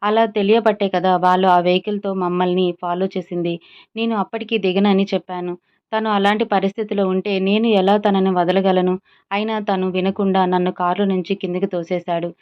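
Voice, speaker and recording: A woman's voice: mid-range voice, level tone, moderate pace, smooth, lightly acted. A woman voicing a desperate young woman who pleads urgently and holds back tears, in a slightly dull lo-fi recording. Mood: pleading.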